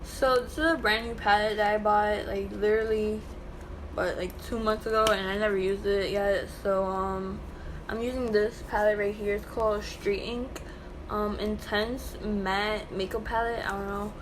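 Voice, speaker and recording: A young adult woman with a slight lisp from a new tongue piercing chats casually through a makeup tutorial, speaking at normal speed in a steady, mid-range voice. She's a makeup vlogger recording indoors in a small bedroom at home, and the recording is clearly noisy.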